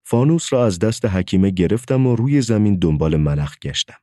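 A man's voice: on the low side, expressive, dark tone, dry recording, studio quality. A man narrating a story as an audiobook, telling it expressively.

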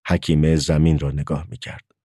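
A man's voice: rumbling low, little pitch movement, warm tone, breathy edge, no room sound, studio quality. A man narrating a story as an audiobook, telling it expressively.

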